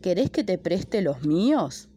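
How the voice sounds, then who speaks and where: A woman's voice: lowish voice, big pitch swings, unhurried, mellow, breathy edge, dry recording, studio quality, heavily acted. A woman voicing a timid male lion who denies everything in a raised voice. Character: male lion, timid despite his size.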